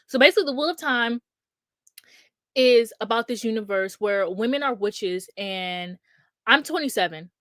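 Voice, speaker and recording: A woman's voice: on the high side, animated, moderate pace, a bit bright. A young woman in her twenties talks casually and rambles, starting over again and again with plenty of filler words. Her tone is candid and blunt. The sound is dry and close, with little room echo. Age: 20s. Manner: rambling, many restarts and fillers. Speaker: streamer host. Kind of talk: casual chat about books.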